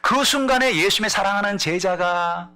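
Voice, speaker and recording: A male pastor preaching a sermon, telling a story with energy and acting out the characters' lines, moving between loud exclamations and hushed asides. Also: high voice, normal speed, smooth.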